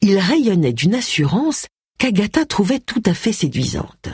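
Brief: expressive narrator, husky tone, lively pitch, dry close sound. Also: measured pace, no room sound. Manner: expressive, varied. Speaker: audiobook narrator. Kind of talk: scripted narration.

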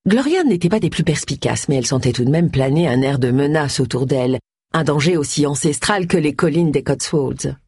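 A woman narrating an audiobook in a wry, lively storytelling manner. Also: sits low, fairly quick, slightly rough, dry recording, clean studio sound. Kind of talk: scripted narration.

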